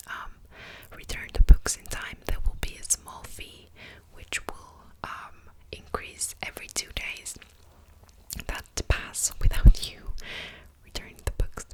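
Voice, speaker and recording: A woman performs a whispered role-play as a helpful librarian. Her voice stays in a soft, breathy library whisper with almost no voicing. She explains things patiently and attentively, in an unhurried way. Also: low-quality recording. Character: patient, helpful female librarian serving a borrower. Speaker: ASMR performer playing a librarian.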